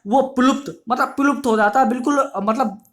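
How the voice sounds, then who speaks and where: With an extremely high pitch and a fairly bright tone, a man teaches grammar for an exam. He goes over each definition slowly and repeatedly, answers the questions he asks, and refers to his students as his dear children.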